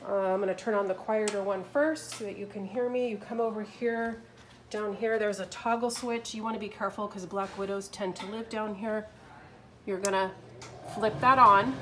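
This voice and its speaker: Woman, plain instructional delivery, phone-recorded with steady background noise. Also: medium pitch. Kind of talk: step-by-step demonstration. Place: kiln room. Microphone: phone held while filming.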